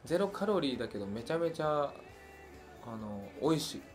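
Young man, Hiroshima accent, singer hosting a fan stream, casual rambling chat, lots of fillers, animated pitch, faint background music. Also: a little fast. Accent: Hiroshima Japanese. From Hiroshima, Japan. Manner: relaxed and chatty, muses aloud with many fillers. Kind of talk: casual chat answering listener questions.

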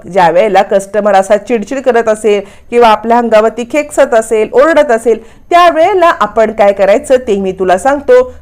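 A woman's voice: medium pitch, a little mellow, natural voice. A woman voicing a young man who lectures a friend on business in a patronizing, explaining way.

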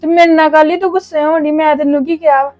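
A gossipy, boastful friend, acted by a woman, rattling on quickly in a high voice. The recording is dull and dry, with faint music underneath. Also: steady tone, darkish tone, no room sound, natural voice. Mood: nosy. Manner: nosy, chattering. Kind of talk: amateur family web drama.

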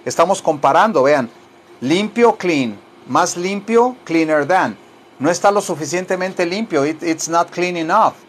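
A man teaching English in a casual lesson, drawing out model phrases slowly for students to repeat and breaking into playful asides. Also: on the high side, animated, a little hiss or hum. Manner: playful asides, mock radio-DJ patter and sung snatches.

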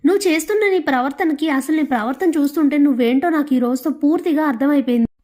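Woman doing a cranky mother-in-law, high voice, snapping accusations. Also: fast, lightly acted. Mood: scolding. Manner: sharp, accusing. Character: angry scolding older mother-in-law.

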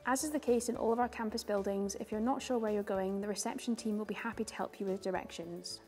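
A young woman giving a scripted guided tour, calm and informative like a guide, speaking clearly. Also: medium pitch, quick pace. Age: young adult. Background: background music.

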